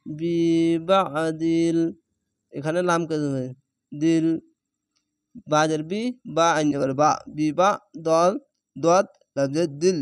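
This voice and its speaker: A man's voice: fairly high pitch, steady tone, unhurried, clear, resonant tone, dry recording, clean studio sound. A man from Bangladesh teaching Quran reading, spelling each word letter by letter and syllable by syllable, then reciting the whole word. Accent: Bangladeshi Bengali. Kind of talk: slow spelling-out recitation lesson.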